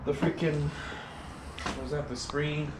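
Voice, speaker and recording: A man's voice: on the high side, steady tone, unhurried. Frat-bro guy in an echoey, noisy room. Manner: frat-bro slang, calls everyone bro, joking swagger. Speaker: host of a DIY motorcycle repair video. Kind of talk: casual chat while working. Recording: echoey room with loud noise and clatter.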